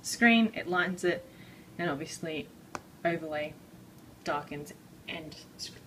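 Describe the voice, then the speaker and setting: A woman giving a casual drawing tutorial, rambling and self-deprecating with many fillers, a bit out of breath and clearing her throat. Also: deep voice, unhurried, recorded from a distance, noisy background. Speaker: art tutorial maker.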